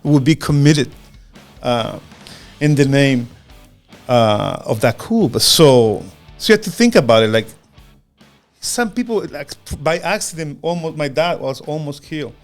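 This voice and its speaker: A man in his fifties from Chile, with a Chilean Spanish accent, co-hosting a podcast in an earnest, halting way, often repeating words. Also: a little high, soft background music. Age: 50s. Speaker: podcast co-host. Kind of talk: casual podcast chat.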